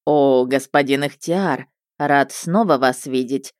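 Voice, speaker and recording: A woman's voice: very deep voice, normal speed, a little mellow, no echo, clean studio sound, voice pushed down. A woman voicing a reserved male police investigator who speaks in a level, dryly polite way. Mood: mocking politeness.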